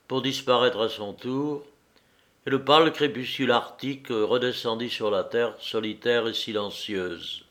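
A man reading a novel aloud in a measured, deliberate audiobook narration. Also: medium pitch.

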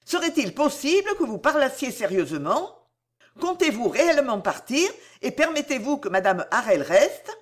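A woman's voice: a little high, big pitch swings, normal speed, voice pushed up. A woman reading an audiobook, voicing a distressed, earnest young heroine in a raised, urgent, pleading voice.

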